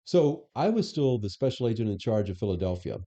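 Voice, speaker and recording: Interview guest, middle-aged man, low dark voice, storytelling with quoted dialogue, dull recording. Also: big pitch swings, fairly quick. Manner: anecdotal, acts out quoted dialogue. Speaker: interview guest, former police superintendent. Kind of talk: conversational storytelling.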